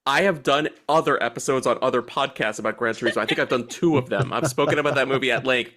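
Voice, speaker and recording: A man's voice: mid-range voice, fast, fairly bright tone, a little hiss or hum. A man hosting a podcast, talking casually about movies, laughing and swearing freely. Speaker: podcast host.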